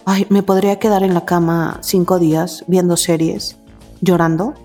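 A woman's voice: fairly low pitch, steady tone, moderate pace, warm tone, soft background music. Weary woman, candid guest. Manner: open and emotional, repeats words for stress. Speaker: guest, mother of two. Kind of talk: candid interview chat.

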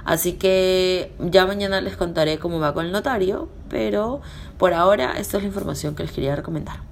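Hoarse, low-voiced Peruvian woman. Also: fairly quick. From Peru. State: sick, hoarse voice. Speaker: podcast host. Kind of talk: casual informational podcast talk. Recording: clear background noise.

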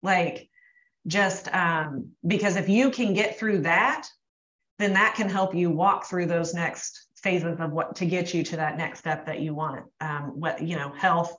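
A woman's voice: on the low side, fairly bright tone, reverberant, lo-fi sound. A woman fitness coach giving earnest advice in a casual podcast chat.

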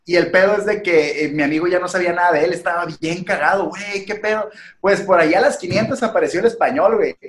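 A young northern Mexican man spins a rowdy anecdote on a podcast, slangy and profane. His voice sits slightly high, and the room adds a clear echo around it. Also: fast talker, few pauses. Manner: slangy, swears a lot, animated anecdote. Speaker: podcast co-host. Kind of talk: casual storytelling chat. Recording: echoey room.

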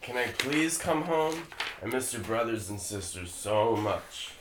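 A bitter, needy middle-aged father, read by a man at a middle pitch. He begs and then lashes out with cruel contempt. The room rings with echo, and a faint hiss sits underneath. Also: lively intonation, unhurried, lightly acted. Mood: pleading. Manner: pleading, then turns cruel and shouting. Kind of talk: comedy script table read.

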